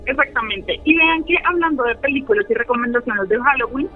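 A woman with a Soacha accent and a fairly deep voice, chatting as a podcast co-host. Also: fairly quick, narrow, tinny audio, faint music behind. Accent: Soacha, Colombia. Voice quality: deeper voice than the other women. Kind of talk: casual chat.

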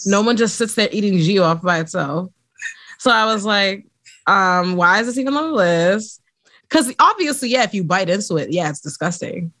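A woman's voice: mid-range voice, lively intonation, normal speed, a bit bright, dry recording. A young woman with a mid-range voice co-hosts a podcast, recorded close and dry. She chats casually and reacts with disbelief. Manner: chatty, incredulous storytelling. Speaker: podcast co-host. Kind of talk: casual chat.

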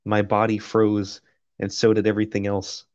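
A man's voice: lowish voice, monotone, normal speed, a little mellow, no echo, dull audio. A man co-hosting a podcast, reading a novel aloud and breaking off for profane jokes and laughter. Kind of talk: casual chat and reading aloud.

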